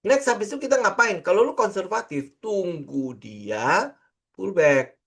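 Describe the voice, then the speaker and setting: A middle-aged man talks through a casual trading lesson. His voice sits a little high, and he keeps it loose and chatty, full of fillers and rhetorical questions. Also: expressive, unhurried, creaky, a bit bright, slightly rough. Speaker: trading instructor. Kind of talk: casual screen-share lesson.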